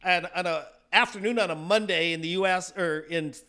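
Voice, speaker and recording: A man with a very high, bright voice co-hosts a podcast and tells stories with a lot of energy. He laughs often and acts out the voices of the people he quotes. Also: fairly quick. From South Dakota. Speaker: podcast co-host. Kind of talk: casual chat.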